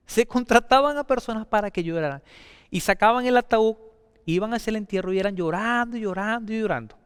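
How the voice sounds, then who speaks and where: A man preaching a sermon, emphatic and repetitive, swinging between loud declarations and soft, drawn-out phrases. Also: clean tone, no room sound, clean studio sound, long reverb tail. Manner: emphatic, repeats key phrases with swings of pitch and loudness.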